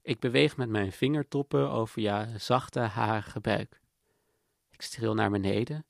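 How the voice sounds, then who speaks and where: A man voicing his girlfriend's words in a hesitant, soft-spoken way, barely changing his own voice. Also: on the low side, a little slow, creaky, no echo, studio quality. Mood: awkward tender. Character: his girlfriend, a young woman, gently talking him through intimacy.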